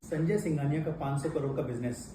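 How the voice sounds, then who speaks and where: A man's voice: echoey room, crowd noise, lightly acted. Man putting on a gloating tycoon drawl. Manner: low, slow, gloating villain drawl. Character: smug scheming male business tycoon.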